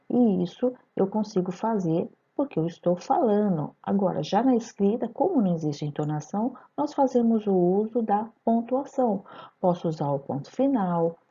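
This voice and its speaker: Teacher woman, mellow husky voice. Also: lowish voice, highs cut off. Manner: didactic, addresses students directly with rhetorical questions. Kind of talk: recorded grammar lesson.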